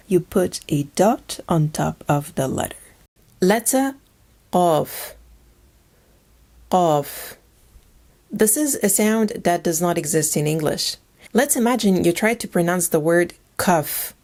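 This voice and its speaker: Slow, deliberate woman teaching letters. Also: fairly low pitch, a little mellow. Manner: slow, deliberate, repeats each letter name. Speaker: language teacher. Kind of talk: scripted instructional narration.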